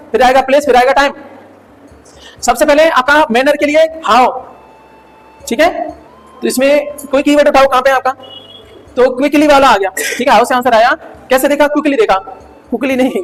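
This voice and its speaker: A male grammar teacher giving an animated classroom lecture, quizzing students with quick questions and jokes. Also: very high-pitched. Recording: hall reverb.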